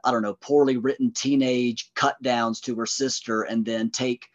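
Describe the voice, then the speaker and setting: A man's voice: mid-range voice, steady tone, moderate pace. A man chatting on a podcast through a somewhat dull, lo-fi microphone. He hedges and restarts often, repeating words before he lands his point. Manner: hedging, repeats words, mimics characters in quoted bits. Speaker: podcast co-host. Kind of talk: casual movie review chat.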